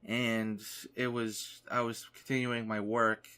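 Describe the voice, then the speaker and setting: A man's voice: mid-range voice, level tone, takes it slowly, sharp tone, clean tone. A young man, a gaming YouTuber, casually telling a rambling story over gameplay and filling his talk with "like.". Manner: rambling, lots of "like" fillers.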